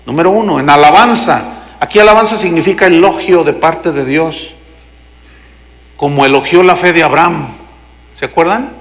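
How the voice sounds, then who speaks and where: A man's voice: on the high side, moderate pace, pauses often, a bit bright. A man preaching a sermon, telling stories dramatically and acting out the characters. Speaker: pastor. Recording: long hall reverb.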